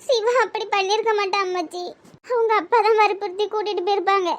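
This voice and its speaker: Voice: extremely high pitch, fairly even intonation, fairly quick. A voice artist playing a heartbroken, tearful young village woman with a Tirunelveli Tamil accent in a cartoon comedy. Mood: pleading. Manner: pleading, tearful, soft.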